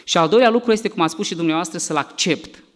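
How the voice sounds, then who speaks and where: A middle-aged man, a doctor, giving a lively health lecture to a church congregation, asking the audience questions and acting out cries. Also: high voice. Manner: animated, asks the audience questions, acts out cries.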